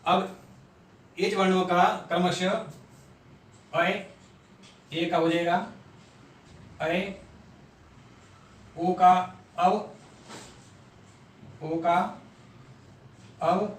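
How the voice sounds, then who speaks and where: A man whose high voice has little pitch movement teaches grammar at a board, far from the mic in an echoey room. He explains slowly in stages and repeats syllables aloud one by one.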